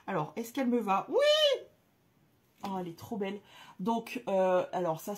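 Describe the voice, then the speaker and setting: Woman, casual vlogger, breathy husky voice, excitable, slangy, lots of fillers. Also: mid-range voice. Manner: gushing exclamations, slangy and chatty; frequent hesitation fillers. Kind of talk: casual chat to camera.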